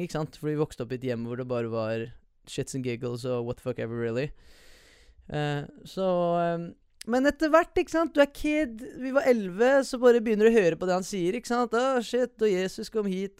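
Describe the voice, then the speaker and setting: A young man with a slightly high, smooth and clear voice tells a story from his own life. He talks loosely and swears a lot, dropping English slang in as he goes, and the recording is close and dry with no room sound. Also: darkish tone, dry recording. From USA and Norway. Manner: profane, slangy, mixes English words into Norwegian. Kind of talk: casual personal storytelling.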